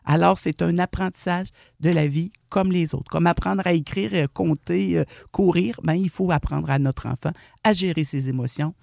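A woman with a Québécois French accent giving parenting advice as a radio columnist, animated and explanatory, often acting out what a parent would say to a child. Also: on the low side, normal speed, creaky, few pauses, no room sound, clean studio sound.

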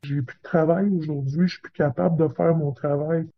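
In a recorded news interview clip, a woman with a Québécois French accent gives testimony as a crime victim, speaking directly and indignantly. A voice changer disguises her identity, making her voice deep. Her intonation is fairly even, her pace brisk, and the recording muffled.

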